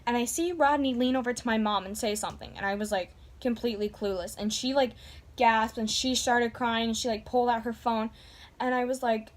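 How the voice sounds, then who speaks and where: A woman's voice: fairly high pitch, fairly even intonation, a little fast. A woman vlogger telling a story to camera in a gushing, casual way, filling her talk with "like". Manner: gushing, heavy use of "like".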